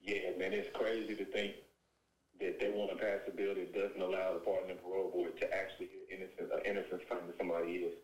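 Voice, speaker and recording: A man's voice: deep voice, flat delivery, fast talker, slightly rough, rough recording. A man calling in from a prison phone, speaking fervently and often saying "you know what I'm saying". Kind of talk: impassioned phone call. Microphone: prison phone line.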